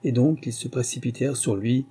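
A man reads a classic storybook tale in a measured, steady way. His voice is very dark and mellow, with a husky edge. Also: medium pitch. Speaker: audiobook narrator. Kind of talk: storybook narration.

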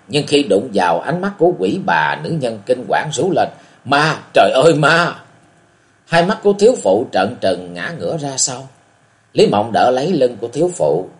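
A man narrating a martial-arts audiobook with dramatic storytelling. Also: mid-range voice.

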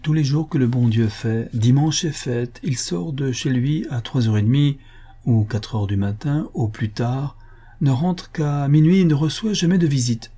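A talkative concierge from an old storybook, deferential and eager to please, voiced by a man. He rattles on emphatically in a raised voice. The timbre stays warm and slightly husky. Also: medium pitch, moderate pace, voice pushed up, lightly acted. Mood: emphatic.

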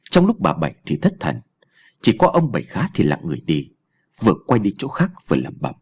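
A man narrating an audio story with a dramatic, animated reading. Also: low voice, breathy edge.

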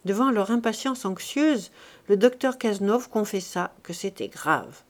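A woman narrating a classic novel in a measured, even storytelling manner. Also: mid-range voice. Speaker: audiobook reader.

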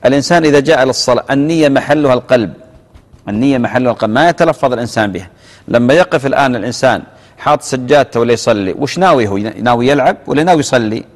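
Sheikh rattling off answers quick, repeats himself gently, echoey tv studio. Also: male voice, mid-range voice, lively intonation. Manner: reads out callers' questions, then answers with gentle repetition. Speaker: religious scholar answering viewer questions. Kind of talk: live TV fatwa Q&A. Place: television studio.

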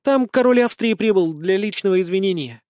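A man's voice: sits high, animated, a little fast, no echo, clean studio sound, pitched above the performer's own voice. A man reading an audiobook, voicing a shy, modest young girl bringing news. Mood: timid. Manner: soft, modest.

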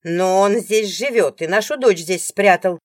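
A woman doing a shrill, brash screaming wife. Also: big pitch swings, extremely slow, husky, dry recording, clean studio sound, full character voice. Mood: shrieking, furious. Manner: yelling, loud and shrill. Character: brash, shrieking young wife, rude and bossy. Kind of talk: audiobook character voice.

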